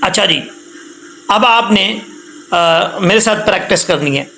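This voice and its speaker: A man teaching Quran recitation step by step. He explains patiently, checks in often and stretches out the recited words slowly. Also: high voice, creaky, pushed and bright, reverberant, a little hiss or hum, low-quality recording. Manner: drawn-out, slow chanted recitation of words.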